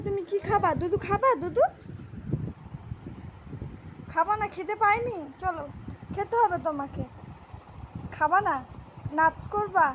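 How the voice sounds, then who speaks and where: Woman doing baby talk, really high voice, coaxing, noisy room. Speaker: parent talking to a baby.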